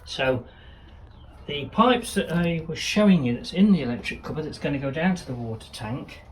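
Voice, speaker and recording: A man's voice: a little high, lively intonation, normal speed, slight background noise. A man giving a casual, rambling video tour of his boat, filmed indoors on a handheld camera. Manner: chatty, rambling, with fillers. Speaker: vlogger showing his boat. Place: narrowboat cabin, indoors.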